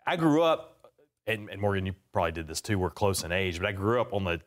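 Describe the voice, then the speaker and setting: A man tells stories in casual radio chat. He talks fast and animated, with his words tumbling out quickly. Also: low voice. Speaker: guest attorney.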